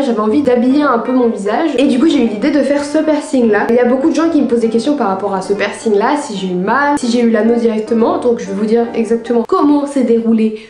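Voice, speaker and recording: A woman's voice: fairly high pitch, warm tone. A young adult woman chatting casually as she tells personal anecdotes for a vlog, in informal, slangy speech with some swearing. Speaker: video creator and host. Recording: roomy, echoing sound.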